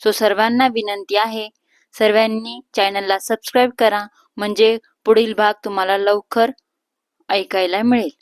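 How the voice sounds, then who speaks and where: A woman storyteller narrating a serialized family story in a steady, plain way. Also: medium pitch, normal speed.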